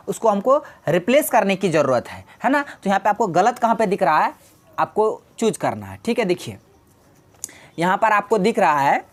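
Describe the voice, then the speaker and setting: A woman teaching an exam-prep English lesson, explaining patiently, repeating key words and answering her own questions. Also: mid-range voice.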